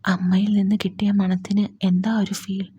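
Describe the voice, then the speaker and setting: A woman whispering the part of a young man grieving a lost mother, in a soft, pleading whispered role-play. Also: mid-range voice, flat delivery, moderate pace, breathy edge.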